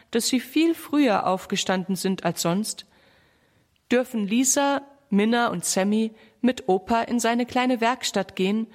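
A woman reads a children's story aloud. Her narration is even and steady, with a calm storytelling lilt. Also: medium pitch.

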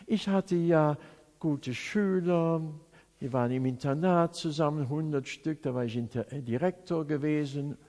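A man's voice: a little high, mellow. A middle-aged man preaching a sermon, telling personal testimony in an earnest, storytelling way. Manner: slow, earnest storytelling, voice rising and sinking. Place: church. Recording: long church reverb.

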